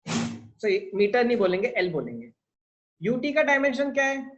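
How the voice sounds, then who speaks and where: A man's voice: very high voice, sing-song, moderate pace, highs cut off. A man with an Indian English accent teaching a physics lesson, asking his class questions and answering them himself while mixing Hindi and English. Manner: mixes Hindi with English sentences. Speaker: physics tutor.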